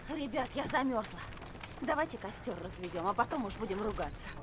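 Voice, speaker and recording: A woman's voice: mid-range voice, animated, brisk, background noise, natural voice. An actress playing a determined young woman agent in a dubbed video game, plain-spoken and terse. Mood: weary.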